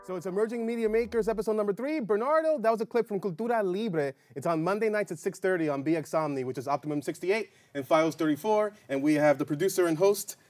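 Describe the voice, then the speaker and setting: A man's voice: high-pitched, animated, fast, hardly any pauses, a little mellow. A man hosting a TV interview, upbeat and joking with his guest. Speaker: interview host, programming manager.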